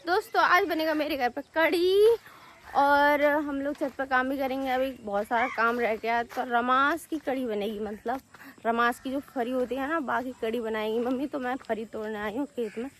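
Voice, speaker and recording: A woman's voice: sits high, normal speed, a bit bright, slight background noise. A young woman vlogging casually from her village home, chatting to her viewers as friends. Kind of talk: casual vlog narration. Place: village home, rooftop and fields, outdoors.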